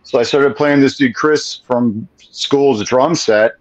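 A man's voice: medium pitch, takes it slowly, dry recording. A man in his forties, born in Venezuela and raised in Florida, telling his story as a guest on a casual video call, laid-back and swearing freely. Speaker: guest drummer. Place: home room with ceiling fan. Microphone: video call webcam. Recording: dull lo-fi video call audio.

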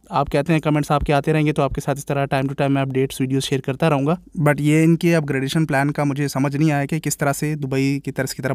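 A man's voice: mid-range voice, a little mellow, no echo, clean studio sound. A man with a Pakistani Urdu accent, a cricket vlogger giving casual, exasperated commentary straight to his viewers. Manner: opinionated, exasperated, addresses viewers as brother.

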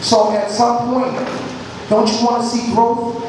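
High-voiced man in his fifties preaching. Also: level tone, a little slow, a loud crowd. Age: 50s. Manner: earnest, exhorting, repeats phrases. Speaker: lay preacher. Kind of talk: church sermon. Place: large church sanctuary. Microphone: handheld mic. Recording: echoey hall from far off.

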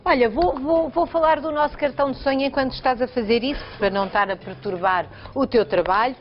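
A chatty, teasing woman hosting live daytime TV speaks European Portuguese in a high voice at a quick pace. She's chatting about cooking and plugging a phone contest on a bright studio kitchen set. The broadcast audio sounds dull, with music underneath.

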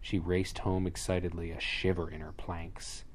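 Delivering a rhyming children's tale with dramatic, theatrical phrasing, this man has a deep voice, a flat delivery and a moderate pace. Behind the storybook reading, added sound effects, ambience and animal noises are clearly noisy.

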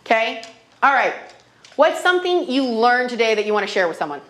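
A sing-song, fairly quick voice on the high side with a fairly bright tone belongs to a woman in her thirties. She's a financial literacy trainer teaching a money workshop in a classroom, telling stories and checking in with "okay?" again and again.

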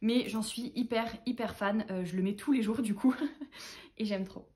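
A woman's voice: fairly high pitch, fairly even intonation, fairly quick, a little mellow. A woman chatting enthusiastically as a book vlogger, talking through her monthly reads and haul. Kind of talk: casual book haul chat.

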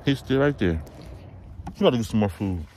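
A man's voice: fairly low pitch, animated, fairly quick, creaky, darkish tone, a little hiss or hum. A man filming a casual vlog, doting on a stray dog and talking to it in a fond, coaxing way outdoors. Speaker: vlogger.

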